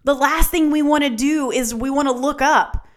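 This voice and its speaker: A woman hosts a faith-based teaching podcast. Her voice sits a little high, and she speaks with earnest emphasis. She often repeats phrases to drive her point home. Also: moderate pace. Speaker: podcast host.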